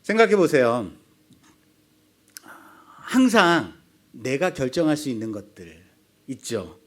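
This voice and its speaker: A man's voice: mid-range voice, very animated, slow, a bit bright. A male pastor preaching a sermon, asking the congregation rhetorical questions.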